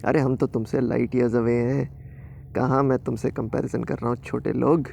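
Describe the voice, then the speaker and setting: A man's voice: mid-range voice, little pitch movement, moderate pace, gravelly, dark tone, slight background noise. A man voicing a boastful, dismissive air conditioner in a children's bedtime story. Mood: smug. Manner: smug, dismissive.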